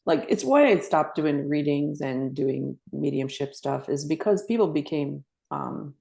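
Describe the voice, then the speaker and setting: A woman's voice: deep voice, animated, a little slow, vocal fry, dark tone. A woman co-hosting a podcast, a former medium, speaking earnestly in casual conversation and often restarting her sentences. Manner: earnest, with frequent fillers and restarts.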